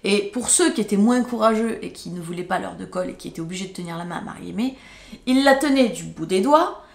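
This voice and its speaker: A woman's voice: mid-range voice, expressive, fast, vocal fry. Indignant woman telling a story. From France. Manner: emotional, indignant, swears when angry. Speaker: YouTuber. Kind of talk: storytime vlog. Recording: roomy echo.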